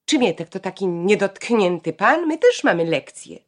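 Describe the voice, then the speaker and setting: A woman reading an audiobook, voicing a defiant schoolgirl who fires off sharp, indignant questions. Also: mid-range voice, very animated, unhurried.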